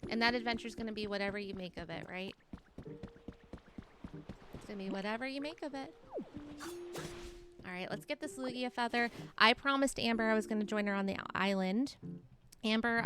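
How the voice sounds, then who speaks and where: A woman's voice: medium pitch, fairly quick, long pauses. A woman in her late thirties, chatting casually on a live stream and encouraging her chat while reading their messages aloud. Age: 30s.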